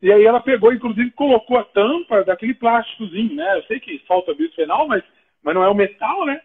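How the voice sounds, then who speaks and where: A man's voice: high voice, a little fast, husky. A man with a Brazilian Portuguese accent, hosting a live talk and telling stories in a casual chat. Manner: animated, acts out dialogue in his stories. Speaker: host of a live talk show. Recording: tinny phone-like line.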